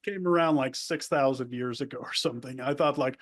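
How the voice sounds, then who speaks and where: Speaking fairly quickly in a mid-range voice, a man recounts his life as an interview guest. He is from the El Paso border area of the United States, Spanish is his native tongue, and his casual telling rambles with many restarts.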